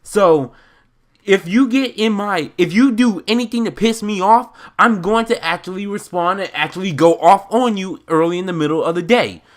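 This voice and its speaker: A young American man from Chicago telling a story as a casual, animated rant, in an emphatic, indignant, slangy and rambling way. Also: high voice, moderate pace. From Chicago, United States.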